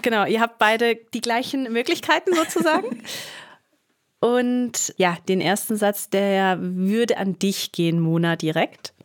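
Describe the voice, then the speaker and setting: A woman leading a quick sentence game on a podcast, playful and upbeat. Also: mid-range voice.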